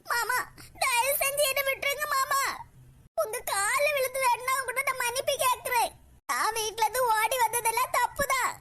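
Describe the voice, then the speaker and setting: A woman's voice: extremely high pitch, fairly even intonation, moderate pace, noisy background. A woman voicing a frightened young woman in a cartoon, tearfully pleading with a Kanyakumari Tamil accent. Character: frightened young woman begging her uncle.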